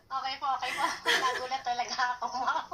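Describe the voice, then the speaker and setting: A woman's voice: sits high, little pitch movement, brisk, far from the mic, crowd noise. A woman on a phone call, answering politely and sounding startled and confused. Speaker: prank call recipient. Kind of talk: phone conversation.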